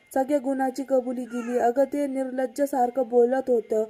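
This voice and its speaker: A woman's voice: high voice, warm tone, poor audio. A woman voicing a distraught middle-aged aunt who pleads and repeats her words as she retells a serial's scene.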